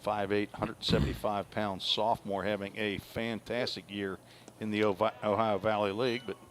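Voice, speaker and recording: A man's voice: fairly low pitch, little pitch movement, normal speed, slight background noise. A man doing folksy color commentary on a baseball broadcast from a stadium press box, chatting and reading out player stats.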